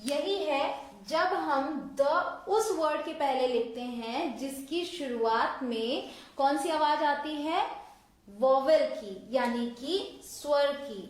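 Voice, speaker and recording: Brief: woman grammar teacher, high voice, patient step-by-step explaining, strong room echo. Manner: explains step by step, quizzing viewers with questions. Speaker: English teacher. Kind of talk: online grammar lesson. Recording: echoey room.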